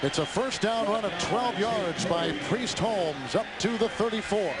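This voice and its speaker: A man's voice: sits high, unhurried. A man doing live play-by-play football commentary as a broadcast announcer. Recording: loud stadium noise behind broadcast. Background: crowd and stadium noise.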